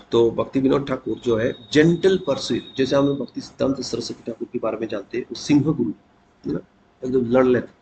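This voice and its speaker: A man giving a conversational devotional talk, telling a saint's story and often clearing his throat. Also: medium pitch, mellow. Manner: conversational, mixes English words into Hindi. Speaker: devotional speaker. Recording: dull lo-fi with faint noise.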